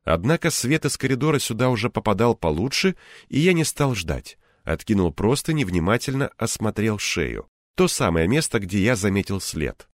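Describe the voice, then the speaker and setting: Мужчина читает аудиокнигу от первого лица, выразительно проживая напряжённые моменты. Голос пониже среднего, с живой, подвижной интонацией, а запись сухая, без отзвука комнаты. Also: male voice, lowish voice, normal speed, no echo, studio quality. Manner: expressive, acts out tension. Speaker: audiobook narrator. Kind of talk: first-person audiobook narration.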